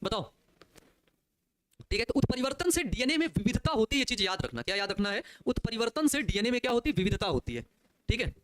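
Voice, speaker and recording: Fast-talking, high-voiced man teaching biology. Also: animated, fairly bright tone. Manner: rapid, repetitive, keeps saying "okay" and "isn't it", addresses students fondly. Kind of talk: online class lecture, chatty asides.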